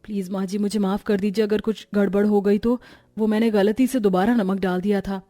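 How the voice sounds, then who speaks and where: Casting: woman as a jittery young bride, stammers, soft and high. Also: a little slow, no echo, close to an everyday voice. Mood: stammering. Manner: nervous, stammering. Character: nervous young bride, anxious about her mother-in-law.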